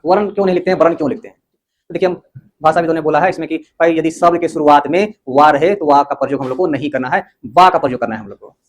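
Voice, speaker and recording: A man. He explains patiently, pauses often to ask whether the class has understood, and keeps the students moving along. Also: on the high side. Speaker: teacher. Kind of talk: classroom lecture.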